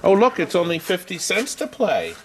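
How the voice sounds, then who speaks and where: A man's voice: high-pitched, wildly swooping pitch, normal speed, a bit bright, slight background noise. A man hosting a casual walk-through tour video, chatty and rambling with jokey asides. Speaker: host giving a video tour of his arcade business. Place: indoors in an arcade game warehouse.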